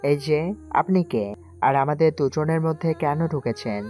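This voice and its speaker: A woman's voice: low voice, normal speed, darkish tone, faint music behind, lightly acted. A woman voicing a quarrelsome young male university tough in an audio story drama, talking bluntly.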